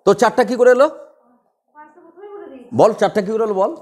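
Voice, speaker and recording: A man teaching a class, drilling students with quick repeated questions. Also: high-pitched, crowd noise. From West Bengal. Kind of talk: classroom lecture.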